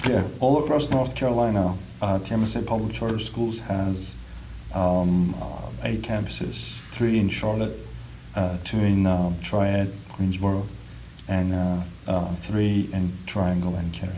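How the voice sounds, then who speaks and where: Deep mellow-voiced guy from turkey, lots of ums, school marketing coordinator being interviewed. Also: fairly even intonation, a little slow, a little hiss or hum, poor audio. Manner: hesitant, many ums. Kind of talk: interview answers. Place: school building.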